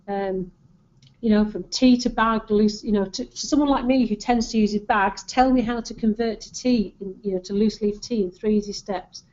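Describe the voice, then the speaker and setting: A woman's voice: mid-range voice, normal speed, a little mellow. A woman with a Lancashire accent giving an informal marketing presentation, advising in an encouraging, conversational way. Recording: dull, lo-fi audio.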